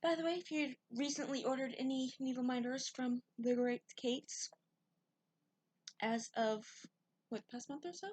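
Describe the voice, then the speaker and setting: A woman's voice: high voice, steady tone, a little slow, darkish tone, husky. A woman co-hosting a casual stitching chat, joking and teasing her partner. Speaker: co-host.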